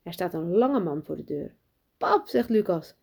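A woman reading a children's story aloud in a clear, even storytelling manner. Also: lowish voice, moderate pace. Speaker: audiobook narrator.

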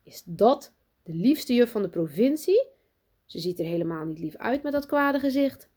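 A woman's voice: on the high side, very animated, moderate pace, warm tone, pitched above the performer's own voice. A woman voicing a sullen, skeptical young schoolboy who grumbles dismissively.

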